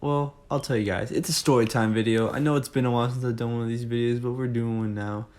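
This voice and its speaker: A man's voice: medium pitch, steady tone, fast, darkish tone. A young man telling a casual, jokey story to his viewers, rambling with fillers and asides. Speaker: storytime vlogger.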